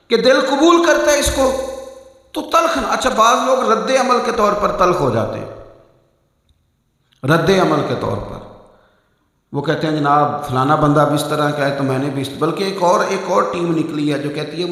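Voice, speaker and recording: A man preaching a mosque sermon, telling stories with acted quotes and swinging between loud and soft delivery. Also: sits high. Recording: echoey hall reverb.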